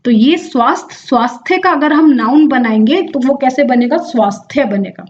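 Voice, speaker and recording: A woman's voice: high voice, moderate pace, a little mellow, lo-fi sound, slight background noise. A young woman teaching an exam-prep lesson, explaining step by step, drawing out words and answering her own questions. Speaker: Hindi exam tutor.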